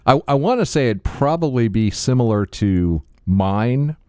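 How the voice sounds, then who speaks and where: An American man chatting casually as a podcast co-host, halting and repeating words, with a slight lisp and slightly slurred speech. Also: medium pitch, lively intonation, warm tone, clean tone, no echo, clean studio sound. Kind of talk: casual chat.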